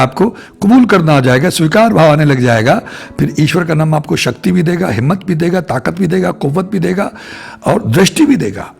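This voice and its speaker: A man's voice: on the high side, gravelly, husky. A man giving a reflective spiritual talk to his viewers, repeating phrases in long lists. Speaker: spiritual speaker.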